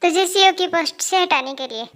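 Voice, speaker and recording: A stern middle-aged mother who runs the company and scolds her grown son with sharp threats, voiced by a woman in a fan audio drama. Her voice is very high. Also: a little fast, heavy background noise. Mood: scolding.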